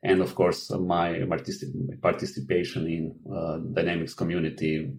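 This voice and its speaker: Deep-voiced man with halting speech. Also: flat delivery, creaky, darkish tone, rough recording. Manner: halting, many fillers and restarts, non-native grammar. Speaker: guest. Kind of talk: interview answers.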